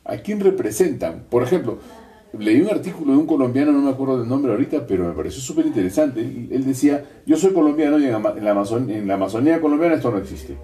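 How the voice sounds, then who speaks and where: Peruvian male co-host, mellow, off-mic, reflective. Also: mid-range voice, expressive, quick pace, recorded from a distance. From Peru. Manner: reflective, ironic asides, frequent "¿no?". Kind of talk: conversational commentary.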